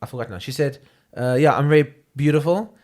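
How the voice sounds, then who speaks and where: A man's voice: on the high side, a little fast, darkish tone. Rambling laughing male comedian. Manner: rambling storytelling, laughs often, swears. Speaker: comedian podcast co-host. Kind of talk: casual banter.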